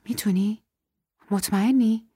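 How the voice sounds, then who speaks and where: A woman voicing a gentle, anxious young woman who speaks softly, half in a whisper. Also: medium pitch, animated, breathy edge, no echo, studio quality, pitched above the performer's own voice. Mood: doubtful. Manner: soft, half-whispered, worried.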